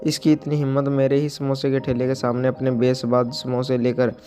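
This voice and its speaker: Brief: cocky street vendor calling out, flat delivery, voiced by a man. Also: medium pitch, moderate pace, faint music behind, lightly acted. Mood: boastful. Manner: boastful, hawking loudly. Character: rival samosa vendor, boastful man.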